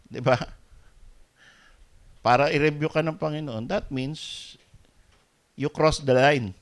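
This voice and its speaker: Slow, dynamic Filipino pastor preaching. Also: male voice, a little high. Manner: switches between Tagalog and English, swinging from soft asides to loud emphatic peaks. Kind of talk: sermon.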